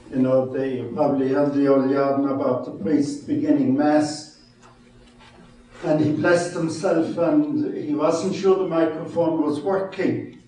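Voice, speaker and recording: A man's voice: on the high side, mellow. A man in his seventies with a West of Ireland accent, giving an informal talk as a wry, self-deprecating storyteller and preacher. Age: 70s. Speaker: retired mission priest, guest speaker. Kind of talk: informal public talk with anecdotes. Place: large echoey room before an audience. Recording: echoey hall, distant microphone.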